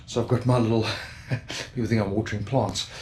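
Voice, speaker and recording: In a lowish, slightly mellow voice, a South African travel vlogger talks fairly quickly and steadily at a motorhome camp by a racetrack outdoors. He's casual, chatty and joking at his own expense, and a faint hiss or hum sits under the audio.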